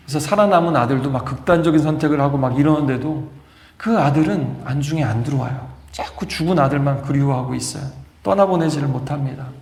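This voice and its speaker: A man's voice: on the high side, darkish tone, a little hiss or hum. Man preaching in an echoey church hall. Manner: emphatic, storytelling, acts out quoted lines. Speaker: pastor. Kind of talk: sermon. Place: church sanctuary.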